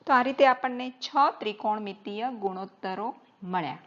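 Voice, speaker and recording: A woman's voice: medium pitch, normal speed, muffled recording. A woman teaching a math lesson, patiently spelling out terms letter by letter as she writes on the board.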